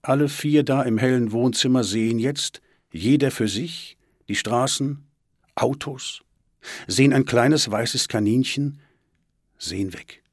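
A man reading a story aloud in an expressive audiobook style. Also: medium pitch, unhurried, dry recording, clean studio sound. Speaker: narrator.

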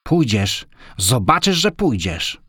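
A man's voice: mid-range voice, big pitch swings, a little slow, fairly bright tone, slightly rough, no room sound, clean studio sound, voice pushed up, full character voice. A man voicing an irritable, taunting young thug in a storybook reading. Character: tall skinny crew-cut young thug, irritable.

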